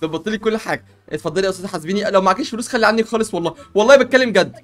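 Egyptian guy doing a joking game roleplay as a barber, super fast talk, stumbles over repeats. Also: sits high, fairly bright tone, soft background music. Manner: rapid, joking, stammering repeats. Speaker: YouTuber playing a barber in a game role-play. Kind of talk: comedic game role-play.

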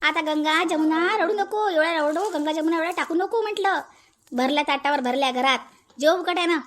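A woman voicing a bold, sharp-tongued young daughter-in-law in a cartoon, taunting and defiant. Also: very high voice, moderate pace. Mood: mocking.

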